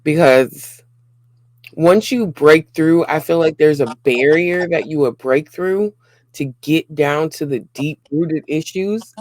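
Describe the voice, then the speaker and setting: A man in casual relationship talk, speaking slowly and earnestly, stacking short repeated phrases. His voice sits a little high. The sound is close and dry with no room echo. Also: darkish tone. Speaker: co-host of a relationship channel.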